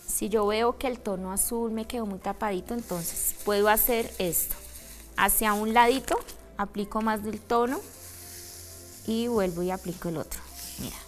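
A woman's voice: medium pitch, moderate pace, faint music behind. Woman teaching a candle craft. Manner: checks in with a frequent "¿listo?". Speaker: craft instructor. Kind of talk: step-by-step craft demonstration.

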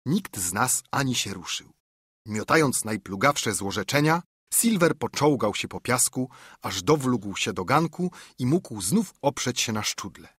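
A man reading an audiobook in measured, even storytelling narration, recorded on a studio mic. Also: mid-range voice, husky, no echo. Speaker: audiobook reader. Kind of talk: scripted narration.

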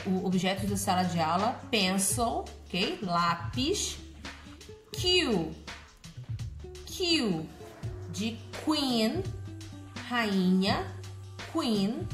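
A woman teaching English to young children with a Brazilian Portuguese accent, saying each alphabet word slowly and repeating it. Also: mid-range voice, roomy sound. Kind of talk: slow, spelled-out alphabet lesson for children.

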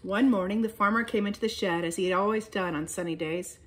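A woman leading children's chapel, reading a children's story aloud with lively storytelling emphasis. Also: medium pitch, fast.

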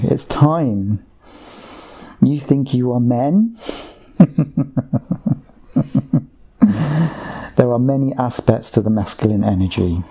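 A man speaking under hypnosis as a channeled voice, slow and repetitive, addressing listeners like a sermon. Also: medium pitch, warm tone, husky.

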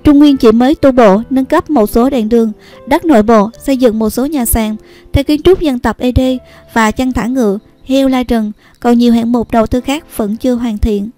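A woman narrating a scripted news report in a steady, even read. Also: a little high, normal speed, soft background music. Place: voice-over recorded apart from the pictured places.

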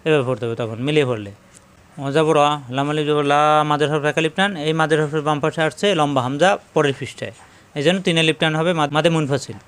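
A man teaching recitation, explaining slowly and then chanting verses in a drawn-out style. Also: a little high, smooth. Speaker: Quran teacher. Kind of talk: recitation lesson.

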